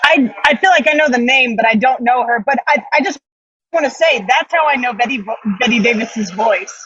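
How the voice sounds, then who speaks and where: A woman co-hosting a podcast, reacting with short quick interjections. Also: fairly high pitch, sharp tone, breathy edge, no echo, muffled recording. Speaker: podcast co-host. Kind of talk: casual podcast chat.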